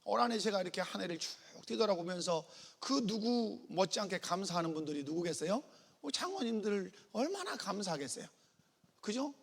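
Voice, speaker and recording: A man's voice: sits high, long reverb tail. A man preaching a sermon as pastor, acting out little dialogues and calling for the congregation's response. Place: church sanctuary.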